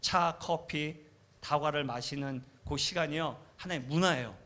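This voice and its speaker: Korean male missionary preacher, slightly high voice, chatty storytelling sermon, acts out quotes. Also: measured pace, pushed and bright. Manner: conversational, frequent affirming fillers, acts out quoted voices. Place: church sanctuary.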